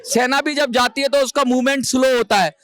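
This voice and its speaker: A man's voice: very high voice, fairly even intonation, fairly quick, a bit bright, dry recording. A man answering as a guest analyst in a news debate, explaining at length, restarting and stumbling over words.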